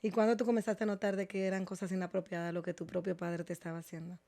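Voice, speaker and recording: Woman host asking gentle questions. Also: lowish voice, little pitch movement, quick pace. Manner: gentle questioning with short reactions. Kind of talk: conversational interview.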